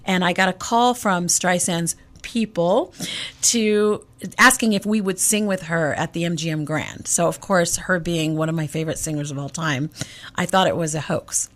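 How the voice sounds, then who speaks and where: Speaking at normal speed in a lowish voice, a woman who grew up in Egypt appears as a jazz vocalist guest on a casual radio program. She tells stories with flair, dramatizing quotes and repeating words as she begins.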